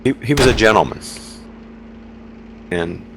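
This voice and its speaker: An older man speaks a eulogy over game voice chat through a headset. His voice sits very low, and he talks in a heartfelt, halting way, often restarting his sentences. There is a faint hiss of noise behind him. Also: animated, vocal fry. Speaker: eulogist in an online game memorial.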